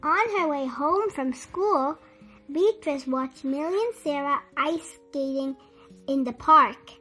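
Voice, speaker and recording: With light music playing underneath, a female storyteller reads a children's book aloud in a high, bright voice. Her delivery is unhurried, animated, and carefully enunciated, an expressive read-aloud aimed at young children.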